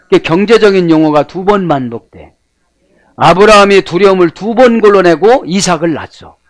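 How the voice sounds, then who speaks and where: A man preaching a sermon, often prompting his listeners with short questions and swinging between emphatic and hushed lines. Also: on the high side, no echo. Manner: rhetorical questions, frequent prompting "eh?". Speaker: pastor.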